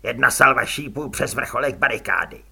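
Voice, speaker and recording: A man reads as a stiff, self-important army captain. The orders come out haughty and clipped. The voice stays bright with a husky edge. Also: mid-range voice, heavily acted. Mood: stiff commanding.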